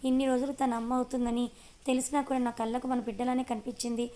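A grieving old village mother, plaintive and pleading, as a woman reader gives her the lines. The voice sits fairly high and stays flat. It is a storybook reading. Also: fast talker, natural voice.

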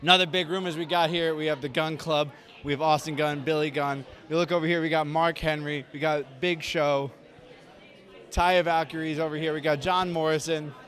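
In a large indoor convention hall, a man in his thirties hosts a casual walking tour, joking and poking fun at himself as he talks into a handheld mic. His voice is fairly high and fairly bright, with fairly even intonation and a moderate pace.

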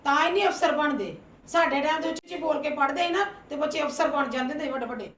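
A sharp-tongued old grandmother rules the house in this family drama, played by a woman. Her voice sits high and she scolds and schemes in a bossy way. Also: fast talker, slight background noise. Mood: scolding. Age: older. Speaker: household matriarch.

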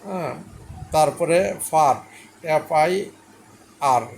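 A man with a slightly high voice teaches English pronunciation in a patient lesson. He spells out each letter and sound slowly and repeats every word. A faint hiss of noise sits under the recording.

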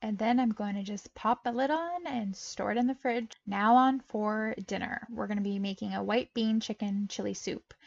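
Muffled and dry, this home-kitchen clip features a young woman's mid-range, fry-tinged voice. She narrates her meal prep as a casual voice-over, cheerful and talkative, laughing often between steps.

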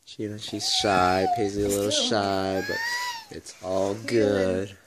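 Man, raspy voice, deep, unhurried, cheerful home video, audible background noise. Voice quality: raspy morning voice. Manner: relaxed, cheerful, laughs often. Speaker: father filming his family. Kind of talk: casual home vlog narration. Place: family home on Christmas morning.

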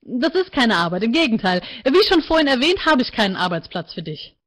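A woman voicing a calm, coolly bureaucratic male AI life counselor in a book reading, speaking low and measured. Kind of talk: author reading aloud.

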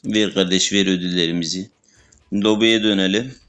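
A young man commenting casually on his shooter gameplay, excitable and swearing, talking to his teammates and enemies. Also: low-pitched, moderate pace. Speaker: gamer playing a shooter. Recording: game gunfire under the voice. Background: gunfire and game sound effects.

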